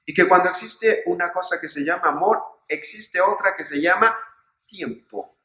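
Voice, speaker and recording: Priest man preaching, kinda high bright voice, lots of repeating and questions, echoey room. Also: moderate pace. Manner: earnest, repetitive build-ups with rhetorical questions. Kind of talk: spoken reflection, sermon-like.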